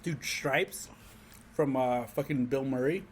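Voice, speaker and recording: A man's voice: medium pitch, slow pace, a little hiss or hum. A man co-hosting a casual podcast chat, telling stories animatedly and swearing casually. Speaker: podcast co-host.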